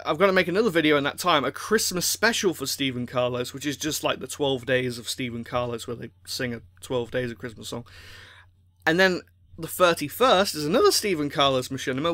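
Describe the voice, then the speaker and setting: A man who makes machinima videos, rambling and rushed as he appeals to his viewers, full of restarts and a little out of breath. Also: on the high side, animated, pushed and bright, no room sound. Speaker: machinima creator.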